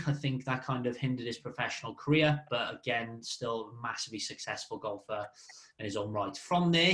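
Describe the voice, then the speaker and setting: A man presents a Q&A session as its host in an informal, slightly halting way. His voice sits at a medium pitch and comes with noticeable room echo. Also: a bit bright. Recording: echoey room sound.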